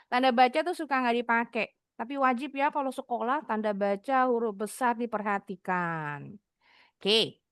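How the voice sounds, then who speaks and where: A woman teaching young students, explaining with lively repetition and sounding out example sentences with exaggerated rise and fall. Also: fairly high pitch, clear, resonant tone, no room sound, clean studio sound. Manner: lively, repeats points for emphasis. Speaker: English teacher.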